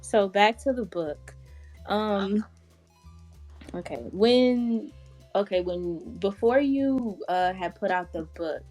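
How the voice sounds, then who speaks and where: A woman's voice: mid-range voice, takes it slowly, darkish tone, faint music behind. A woman hosting a casual interview, chatty and laid-back. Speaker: podcast host.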